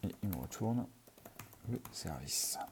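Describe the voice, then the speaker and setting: A man's voice: deep voice, sing-song, takes it slowly, creaky, a little hiss or hum. A man teaching programming in a screencast, talking through his code as he types, with many fillers. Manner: thinks aloud while typing, many fillers. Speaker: programming tutor. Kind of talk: screencast coding tutorial.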